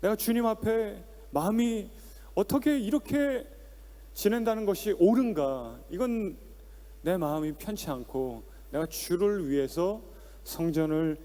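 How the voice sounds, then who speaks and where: A man in his forties preaching a Sunday sermon as pastor, animated and acting out pleading voices with rhetorical questions. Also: high voice, unhurried. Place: church sanctuary. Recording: long hall reverb.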